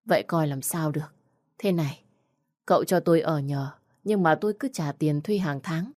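Scared older woman on the run, begging, woman reading her, low voice. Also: normal speed, a little mellow, dry recording, studio quality. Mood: pleading. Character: frightened runaway woman over fifty, pleading.

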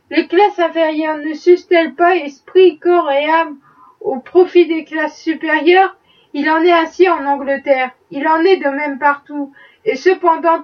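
A woman reading the part of a sardonic middle-aged Southern gentleman, arguing in an ironic, worldly way. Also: high-pitched. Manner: ironic, worldly, unhurried argument. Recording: dull, distant-sounding audiobook recording.

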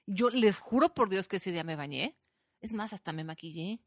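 A woman's voice: mid-range voice, moderate pace, no room sound, studio quality. A woman with a Mexican accent hosting a podcast, chatting casually and acting out the people in her story. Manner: animated storytelling, acting out quoted voices. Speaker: podcast host. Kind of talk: casual chat.

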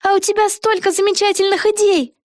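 A woman's voice: extremely high pitch, little pitch movement, fairly quick, no echo, studio quality, pitched above the performer's own voice. A woman voicing a young girl witch who insistently urges her best friend on, as in a storybook read aloud. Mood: urging. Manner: insistent, encouraging.

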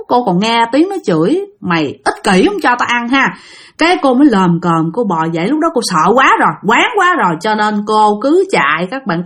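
A woman's voice: medium pitch, a bit bright. A woman telling a ghost story in a chatty, dramatic way, talking straight to her listeners.

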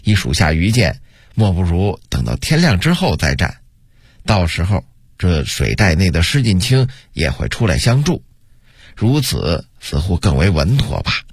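A man's voice: low voice, sing-song, normal speed, slightly rough, no echo, studio quality, voice pushed down, full character voice. A male storyteller voicing a cautious, deferential deputy officer who pleads humbly and hesitantly with his commander.

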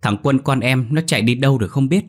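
Guy doing a frantic mom voice, way higher and yelling, really panicky. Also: fast talker, natural voice. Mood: anxious. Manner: shrill calling out, panicked. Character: frantic young mother searching for her lost son.

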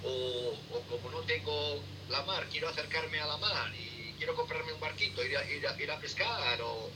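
A middle-aged man, a sailing instructor, answering interview questions in a halting way, full of fillers and tag questions. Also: on the high side. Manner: halting, many fillers and repeated "¿eh?". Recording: distant noisy remote line.

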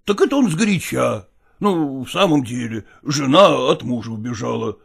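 A man playing a pragmatic older merchant father who coaxes his daughter in a dramatized reading, with a husky, gravelly voice and folksy persuasion. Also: medium pitch, lively intonation, normal speed. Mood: coaxing.

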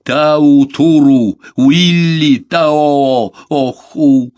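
A man voicing a furious, grieving man, half-mad with rage, shouting in fierce hoarse outbursts in an audiobook. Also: on the low side, a little slow, dry recording.

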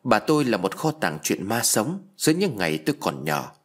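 A man narrating a ghost story in a suspenseful, measured reading. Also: fairly low pitch, sing-song, faint music behind.

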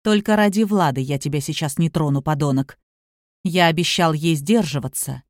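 A woman reading the lines of a calm, authoritative younger man who speaks quietly but firmly. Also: sits low, moderate pace, dry recording, clean studio sound, pitched below the performer's own voice, close to an everyday voice. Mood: stern. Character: calm, commanding younger man, protective suitor.

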